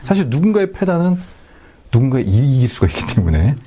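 A man's voice: mid-range voice, very animated, fast talker, mellow. A man giving explanatory commentary on history as an expert.

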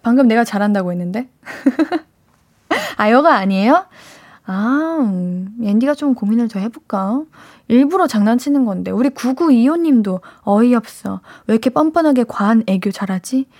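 A woman's voice: a little high, animated, moderate pace, a little mellow. A woman hosting a live radio show, reading listener messages in a playful, teasing way and slipping into cute baby-talk. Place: radio studio. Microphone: studio microphone.

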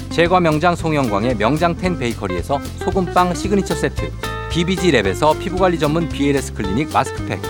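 A man with a slightly high voice hosts a morning radio show. He delivers quiz and giveaway announcements in an upbeat, punchy announcer style, with music clearly playing behind him.

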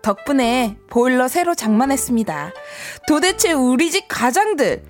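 A woman's voice: sits high, very animated, normal speed, faint music behind. A woman narrating a comedic sketch in a wry, playful way. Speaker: narrator and daughter.

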